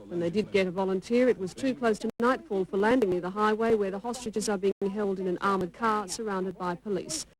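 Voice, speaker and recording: A woman's voice: medium pitch, no echo, rough recording. A woman reading a scripted television news bulletin. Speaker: newsreader.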